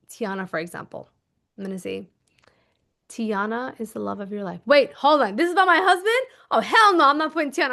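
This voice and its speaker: A woman with a somewhat high voice teaching a manifestation technique in a loose, talkative livestream. She is animated and playful, acting out scenes and throwing in spoken sound effects as she goes. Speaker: manifestation coach.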